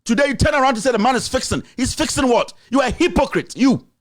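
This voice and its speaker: A Ghanaian man with a high-pitched voice rants as a show host. He fires off accusations and keeps hammering the same rhetorical questions in a fiery, heated commentary. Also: lively intonation, fast talker.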